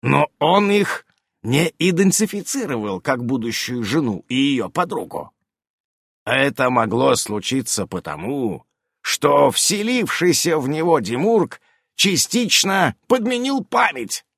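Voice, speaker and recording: A man playing a frowning, deliberate male mentor in a storybook, reasoning slowly and carefully, his voice lively in pitch. The recording is close and dry. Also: creaky, husky, no room sound, heavily acted. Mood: thoughtful.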